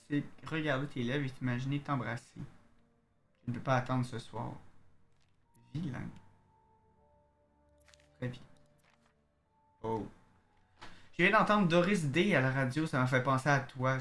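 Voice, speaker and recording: Streaming a game, a man with a Québécois French accent chats casually with viewers and reads in-game letters aloud in a slow, narrating way. His voice is medium in pitch and fairly bright, with a little hiss or hum in the audio.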